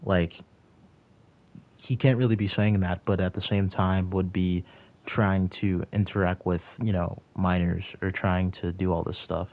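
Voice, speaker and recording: Answering his livestream chat, a streamer of about twenty rambles loosely, leaning on "like" and restarting sentences. His very low voice barely moves in pitch and keeps a measured pace. The audio sounds thin and tinny, like a phone.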